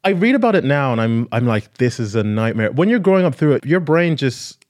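A man's voice: a little high, very animated, fairly quick, a little mellow. A man in his thirties, an interview guest telling personal stories informally, often acting out quoted speech. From Ireland, raised in Kerry and Mullingar from age ten. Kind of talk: casual personal storytelling.

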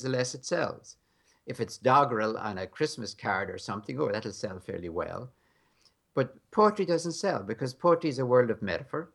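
An American guest scholar with a medium-pitched, gravelly, fairly bright voice talks in a conversational interview. He comes across frank and emphatic, with a wry edge.

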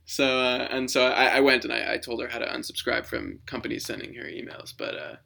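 A young man co-hosts a relaxed podcast and tells stories as he goes. His voice is bright and forward, and he wanders through his sentences with loose, restarting phrasing. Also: mid-range voice, a little fast, creaky. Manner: rambling, lots of fillers and restarts. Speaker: podcast co-host. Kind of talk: casual chat.

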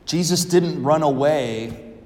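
A man serving as priest, reading the Gospel and preaching a homily in a slow, measured, earnest way, his voice ringing through a large church. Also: a little high, a little mellow. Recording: long echoing church reverb.

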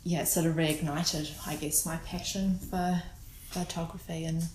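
A woman with a New Zealand accent, talking casually in an interview, relaxed and hesitant with many ums and restarts. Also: low voice, normal speed, roomy sound, a little hiss or hum, low-quality recording. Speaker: guest photographer.

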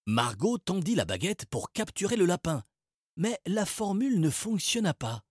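Husky male narrator for a children's storybook; animated, expressive delivery, dry recording. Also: sits high, normal speed, no room sound. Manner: lively, expressive reading. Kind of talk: storybook reading.

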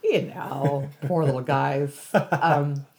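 Heavy background noise surrounds an American woman giving a reflective conversational interview. Her voice is low and steady, and she takes her time, speaking thoughtfully with frequent restarts and easy laughter.

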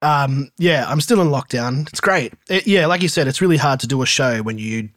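Man hosting with lively, unscripted chat. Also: medium pitch, a little fast, no echo, clean studio sound. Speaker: podcast host. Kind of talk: natural unscripted casual banter.

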